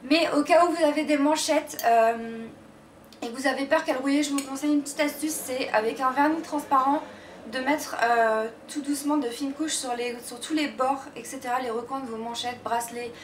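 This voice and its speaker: High-voiced young woman vlogger with slight lisp. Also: fairly even intonation, normal speed. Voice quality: slight lisp from tongue piercing. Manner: gushing, slangy. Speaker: beauty and fashion vlogger. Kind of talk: casual chat to viewers. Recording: roomy echo, distant mic, faint noise.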